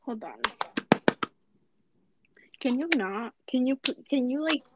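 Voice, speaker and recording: A woman's voice: high-pitched, expressive, slow, background noise. Flustered woman host on a dull mic. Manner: flustered, repeats "oh my god" and "hold on". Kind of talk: casual chat.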